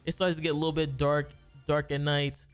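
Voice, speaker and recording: A man's voice: on the high side, level tone, a little fast, clear, resonant tone, faint music behind. A man who makes gaming videos tells a long story casually, rambling with slang and restarting his sentences.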